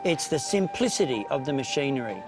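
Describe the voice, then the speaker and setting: A man's voice: medium pitch, sing-song, a little fast, loud music behind the voice. An Australian man giving a casual interview as a tramways superintendent, earnest and detailed.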